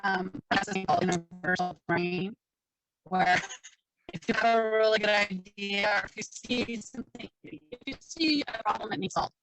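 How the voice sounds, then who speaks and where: A woman's voice: mid-range voice, measured pace, a bit bright, faint music behind, low-quality recording. A woman speaking casually in a group discussion, heard over a video call from her phone while her audio breaks up.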